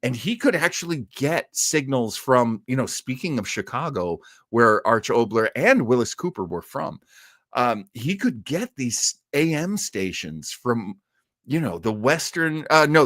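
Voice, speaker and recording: An American man from outside Boston hosts a live old-time radio listening show, chatting casually and enthusiastically and rambling into asides. His mid-range voice is fairly bright, with big pitch swings and a slightly slow pace, recorded at studio quality with no room sound.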